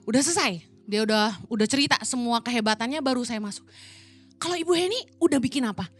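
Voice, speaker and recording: A woman's voice: on the high side, quick pace, soft background music. A middle-aged woman from Indonesia preaching in a casual, colloquial way, telling stories and acting out the voices of the people in them. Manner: chatty, colloquial, acts out quoted voices. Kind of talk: casual storytelling sermon.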